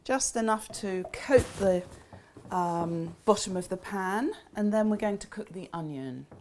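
An older woman with a relaxed, chatty manner, talking through a recipe in a small kitchen. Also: medium pitch, unhurried, a little hiss or hum. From England. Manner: chatty, relaxed asides with frequent ums. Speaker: cookbook author demonstrating a recipe. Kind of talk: casual cooking demonstration. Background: food sizzling in a pan.

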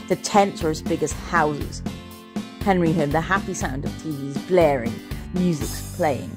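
A low-pitched woman, the channel's storyteller, reads a children's storybook aloud slowly and expressively.

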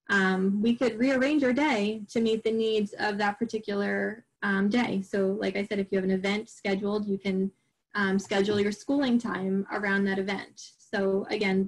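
A woman's voice: medium pitch, rough recording. Chatty woman presenting to parents. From Long Island, New York. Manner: chatty, many fillers and restarts. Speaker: homeschool group presenter. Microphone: recorded online program.

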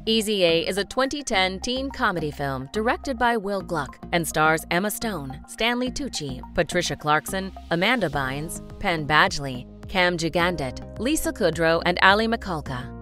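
A woman reading a scripted voice-over in an even, informative way. Her voice sits a little low. Faint music plays underneath. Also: normal speed, hardly any pauses. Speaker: narrator. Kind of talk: scripted narration.

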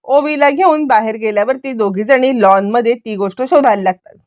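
A woman retelling a TV serial episode as a brisk story recap, with many repeated fillers. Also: a little high, darkish tone, no room sound.

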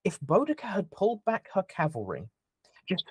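A man with a fairly high voice chatting on a history podcast. He talks excitedly and stumbles over repeated words as he thinks aloud. The sound is dry and close. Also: normal speed, breathy edge, dry recording. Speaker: podcast co-host. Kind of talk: casual history chat.

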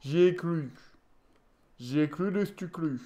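A tired man commentating his own football video game match, swinging from low muttering to shouted goal calls. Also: measured pace. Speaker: gaming YouTuber. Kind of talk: live gameplay commentary.

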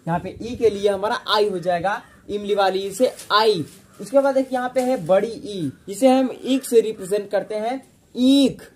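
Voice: mid-range voice, darkish tone. A teacher giving a patient online spelling lesson, repeating each point and stretching out sounds to demonstrate them. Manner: recites sound pairs in slow sing-song.

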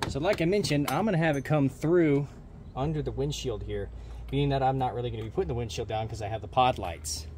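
Quick-paced and darkish in tone, with a medium-pitched voice, the DIY vehicle host lays out an installation step by step in a laid-back, plainspoken style. Vehicle noise sits behind him throughout.

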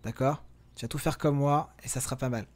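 A man's voice: medium pitch, fairly even intonation, fairly quick. A man giving casual let's-play commentary as a gaming video host, chatty and often correcting himself as he talks to viewers and his in-game companions. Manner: drops to a hushed voice while sneaking.

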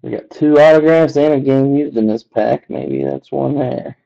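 Man, slow relaxed card-opening commentary, gravelly, dull lo-fi recording. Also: mid-range voice. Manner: slow, relaxed listing of names with asides. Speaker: card box breaker.

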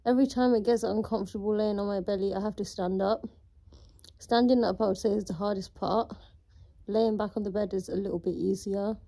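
A woman's voice: mid-range voice, steady tone, a little fast, gravelly, warm tone. A young woman vlogging while recovering from surgery, talking to viewers with a shaky, pained voice. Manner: chatty, talks to viewers. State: shaky voice, in pain. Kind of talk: casual vlog.

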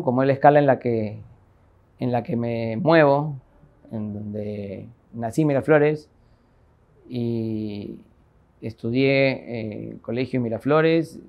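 A reflective Peruvian man in his forties talks at an even, unhurried mid pitch. He muses aloud, filling pauses and ending thoughts with a questioning tag, seated in an office. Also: highs cut off. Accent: Peruvian Spanish, Lima. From Lima, Peru. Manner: thoughtful, many fillers and "¿no?" tags. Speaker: architect interviewee. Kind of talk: reflective interview monologue. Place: office with bookshelves, indoors.

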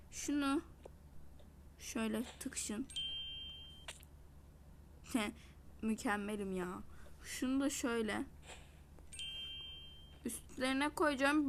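A woman's voice: sits high, fairly bright tone, a little hiss or hum. A young woman vlogging casually while baking, chatty and self-mocking. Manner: chatty, dramatic outbursts and self-mocking complaints.

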